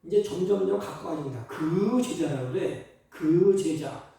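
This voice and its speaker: A man preaches a Sunday sermon in a church, his fairly high voice swinging widely between loud cries and near-whispered asides. He slows right down to act out quoted lines of dialogue. The sound is heavily echoey and distant, as if picked up from far across the sanctuary. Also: expressive, gravelly. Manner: acts out quoted dialogue in slowed, drawn-out lines. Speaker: pastor.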